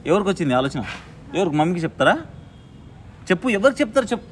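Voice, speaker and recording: High-voiced man teasing a child. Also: very animated, fast talker, a little hiss or hum. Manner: mock-stern, firing repeated questions; coaxing, repeating soothing phrases. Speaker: vlogger playing with a small child. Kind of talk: casual teasing talk with a child.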